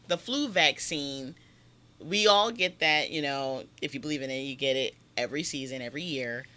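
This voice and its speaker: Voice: mid-range voice, normal speed, sharp tone. A podcast co-host in casual chat, often laughing and reacting with disbelief. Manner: laughing, incredulous, chatty.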